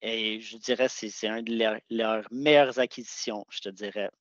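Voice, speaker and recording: This sales engineer has a lowish voice, normal speed, and fairly even intonation as he presents products on a video call. His delivery is conversational with hesitant restarts, and the sound is dull and dry with no echo.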